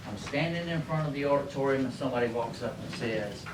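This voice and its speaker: A man's voice: medium pitch, quick pace, noisy background. Folksy man telling stories. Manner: folksy, chuckling, quotes others in bits of dialogue. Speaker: storyteller at a krewe gathering. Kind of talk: casual anecdote telling to a live group. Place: hall with a gathered audience. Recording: echoey room, distant mic, loud ambience.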